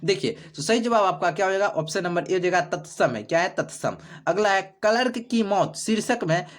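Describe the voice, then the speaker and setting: A man's voice: sits high, brisk. A man, teaching as an exam prep tutor, walks through multiple-choice questions, repeating each answer back as a question with many fillers.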